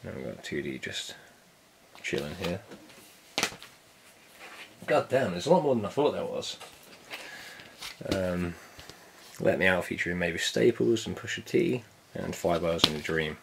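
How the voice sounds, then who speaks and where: A man with a low, deep voice and a gravelly, fry-heavy edge talks through an unboxing in a relaxed, offhand way. He cracks small jokes and drops the odd swear word as he goes. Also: measured pace, long pauses, background noise. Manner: laid-back, jokey, swears casually. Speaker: vinyl collector vlogger. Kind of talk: casual unboxing chat.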